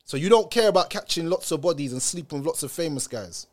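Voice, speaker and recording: A young man with a London roadman accent rants casually in street slang. His voice sits high for a man and moves up and down a great deal. He talks like an opinionated commentator. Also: expressive, fast. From United Kingdom. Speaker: commentator reacting to viewer comments.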